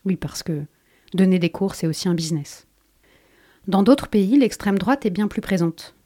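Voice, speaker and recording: A woman with a mellow, darker voice reads her prepared radio column. She keeps a measured, pointed delivery throughout, steady in pitch and level.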